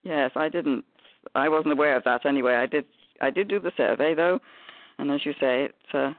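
A man's voice: fairly high pitch, normal speed, no echo. A man rambling in casual chat on a group phone call. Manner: rambling, chatty. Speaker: call participant. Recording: tinny phone line.

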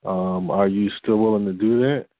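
A man leading a church group's conference call over the phone, talking haltingly with many fillers and restarts. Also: on the low side, fairly even intonation, dry recording. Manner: hesitant, full of fillers and restarts. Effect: heard over a phone line. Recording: tinny dry phone line.

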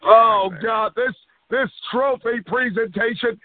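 A man with an extremely high voice taunts crudely in a rowdy chat. He repeats himself over and over. The connection is narrow and tinny. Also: fairly even intonation, slow, no room sound. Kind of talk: rowdy group phone chat. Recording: tinny narrowband phone line.

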